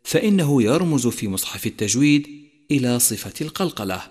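A man giving a televised lesson on Quran recitation rules, chanting example words slowly and drawn-out. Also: medium pitch, husky. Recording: long hall reverb.

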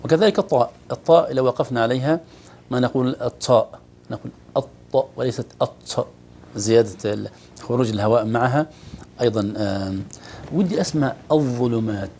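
A man's voice: medium pitch, quick pace, darkish tone, a little hiss or hum. A man teaching Quran recitation on a TV program, demonstrating verses and explaining how letters are pronounced.

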